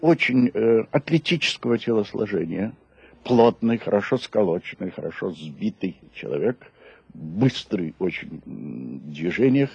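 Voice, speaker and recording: An older man reminiscing in an interview, halting and deliberate, with emphatic descriptions in a gravelly, husky voice. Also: on the low side, big pitch swings, a little mellow, no echo, dull audio. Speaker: interview guest.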